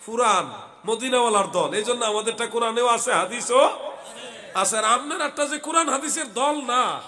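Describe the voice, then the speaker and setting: Hoarse preacher from Bangladesh, high and piercing, heated sermon delivery. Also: male voice, expressive, normal speed. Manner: loud, heated, swings into shouting. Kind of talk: Bengali waz sermon. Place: outdoor religious gathering stage.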